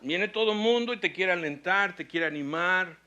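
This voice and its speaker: A man's voice: high voice, sharp tone, dull audio. A man preaching a sermon as pastor, reading scripture and telling a hospital story, building to intense emphatic peaks. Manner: preaching with rising intensity and slow emphatic phrases.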